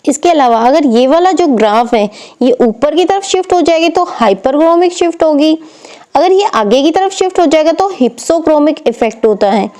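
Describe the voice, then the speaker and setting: High-voiced woman tutoring chemistry. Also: lively intonation, moderate pace, mellow. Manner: explains step by step, asks and answers own questions. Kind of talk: exam paper walkthrough lesson.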